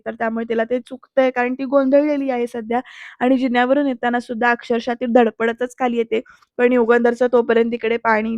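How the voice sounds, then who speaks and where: A woman narrating a voice-over recap of a TV serial, telling the story in a lively way and talking straight to her viewers. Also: high voice, dry recording, lo-fi sound.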